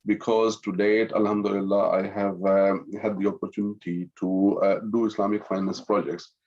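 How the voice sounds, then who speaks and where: Level and a little mellow, the man's lowish voice moves at a moderate pace over lo-fi sound. He is a middle-aged webinar guest working in Islamic finance, born in Pakistan and raised in France, introducing himself in a courteous, conversational way with frequent "you know" asides.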